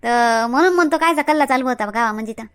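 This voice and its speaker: A woman with a high voice and a Varhadi Marathi accent speaks in a nosy, questioning way. She plays an auntie figure in a village comedy skit. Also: quick pace, fairly bright tone, smooth. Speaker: older aunt figure in a comedy sketch. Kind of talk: scripted comedy skit dialogue.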